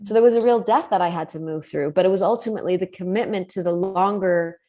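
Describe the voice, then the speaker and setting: Speaking fast in a lowish, dark voice, a woman thinks aloud about commitment as a coach on a live video call. Her earnest delivery is full of fillers and restarts, recorded on a video call mic.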